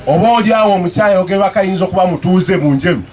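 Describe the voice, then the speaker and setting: A man's voice: sits high, rapid-fire, a crowd in the background. A man from Uganda, a municipal councillor, making a public statement, speaking emphatically and often repeating himself. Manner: emphatic, repeats himself, now and then shouts.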